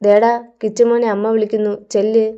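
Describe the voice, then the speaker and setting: Woman reading as a mocking young gangster, gruff, teasing, smooth mellow voice, dull lo-fi audio. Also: medium pitch, little pitch movement, a little fast, close to an everyday voice. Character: tough young male gangster, blunt and mocking.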